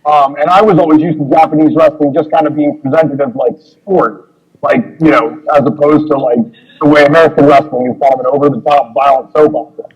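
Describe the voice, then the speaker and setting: Man, guest wrestler, husky voice, slightly high pitch, rambling casual storytelling, lots of ums. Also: fairly even intonation, fairly quick, lo-fi sound. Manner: rambling, filler-heavy, acts out dialogue.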